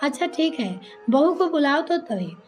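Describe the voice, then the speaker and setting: A woman's voice: high voice, very animated, moderate pace, darkish tone, soft background music. A woman voicing an older mother-in-law who complains about her daughter-in-law, reading a storybook tale. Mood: scolding. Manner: complaining, scolding. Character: older mother-in-law, sharp-tongued, later remorseful.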